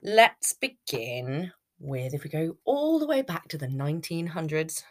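A woman's voice: deep voice, sing-song, unhurried. British female podcast host, thirties. Unscripted personal storytelling, conversational and meandering, often interrupting herself. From United Kingdom. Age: 30s. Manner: rambling, chatty, self-interrupting.

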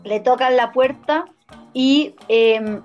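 A woman's voice: sits high, slow. Chatty chilean woman retelling a tale. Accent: Chilean Spanish. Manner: slangy, animated, laughing often. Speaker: storyteller. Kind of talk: casual retelling of a story between friends. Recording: muffled lo-fi with faint music.

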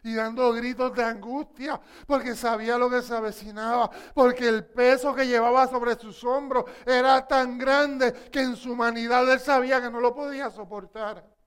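A woman preaching a sermon with passion, swinging between hushed questions and loud, emphatic passages. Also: fairly high pitch, fairly even intonation, normal speed, smooth.

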